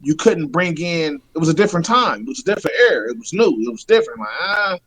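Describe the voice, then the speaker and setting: A man with a slightly raised pitch co-hosts a sports talk show. He speaks loosely and with slang, dropping "like" and "bro" between thoughts. His delivery is lively and casual. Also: quick pace, a crowd in the background, low-quality recording. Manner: slangy, animated, fillers like "like" and "bro". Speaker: podcast co-host.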